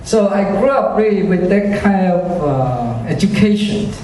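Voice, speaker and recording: Sharing his testimony of faith before a congregation, this Chinese man talks slowly, his high, dark-toned voice carrying lively intonation. Fillers crowd his hesitant speech, and he frequently laughs at himself in a self-deprecating way. The hall echoes, the mic is distant, and a little noise sits underneath.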